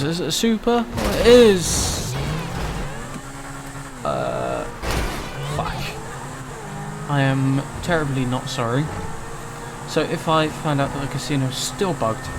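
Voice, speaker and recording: A man's voice: mid-range voice, very noisy. Young man rambling over gameplay. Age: 20s. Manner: rambling, mildly frustrated, swears casually. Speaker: gaming YouTuber. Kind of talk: casual gameplay commentary.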